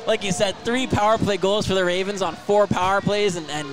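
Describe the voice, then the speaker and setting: A hockey color commentator delivers live analysis, talking conversationally and emphatically while often repeating and stumbling over words. His voice is high-pitched and steady in tone, a little fast. The low-quality recording has music in the background.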